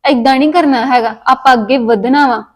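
A woman's voice: sits high, a little fast. A woman playing a caring Punjabi elder sister. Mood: consoling. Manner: consoling, scolding gently, homely. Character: caring young woman comforting her sister. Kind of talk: Punjabi family drama acting.

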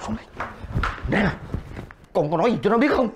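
A man's voice: expressive, fairly quick, background noise. A middle-aged actor playing a blustering, scheming father-in-law in a sitcom. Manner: blustering, jumps up high when agitated. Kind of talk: sitcom acting.

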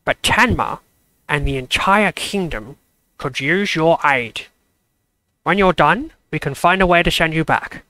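A man voicing a wise, weary older male ruler in a fan storybook reading, speaking in a measured, gentle way. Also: on the high side, lively intonation, no room sound, heavily acted, low-quality recording. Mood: earnest.

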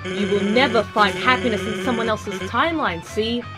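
A woman voicing a playful, confident skeleton artist guardian in an animated fan dub, casual and teasing but caring. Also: mid-range voice, normal speed, close to an everyday voice. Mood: firm, casual. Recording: music behind the voice.

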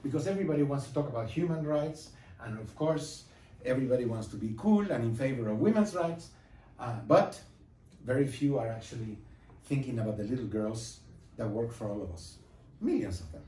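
A middle-aged man from Guatemala giving an emphatic classroom lecture with slides, pausing and repeating lines for effect. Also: medium pitch, mellow. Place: classroom with projector screen, indoors. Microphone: far camera, no mic seen. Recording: echoey classroom from far off.

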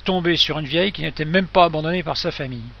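A man reading the part of a soft-spoken, persuasive salesman of assisted death. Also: a little high, quick pace, creaky, lo-fi sound. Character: smooth-talking male end-of-life salesman.

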